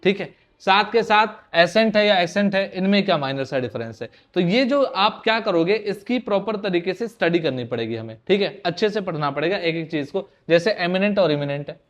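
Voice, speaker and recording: A man's voice: high-pitched, expressive, fairly quick, few pauses. A male teacher giving an online exam-prep lecture in with terms, often putting questions back to his students and drilling the answers.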